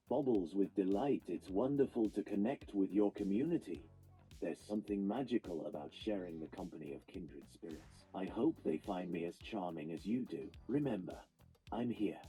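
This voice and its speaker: A man's synthetic voice playing a gentle, whimsical ghost-cat AI toy with an English accent, speaking in flowery, poetic lines. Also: on the low side, breathy edge, heavily acted, poor audio. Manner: flowery, poetic, reads out its own actions.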